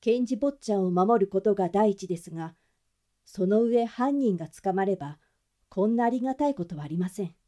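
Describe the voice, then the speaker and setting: A woman's voice: medium pitch, expressive, fairly quick, dark tone, natural voice. Woman voicing a polite, earnest servant. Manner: polite, deferential.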